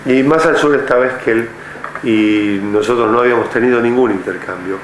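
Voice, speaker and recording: A man's voice: mid-range voice, moderate pace. An older man from Argentina, a retired army general, speaking measuredly in an oral history interview with many hesitant fillers. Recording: echoey room with faint noise.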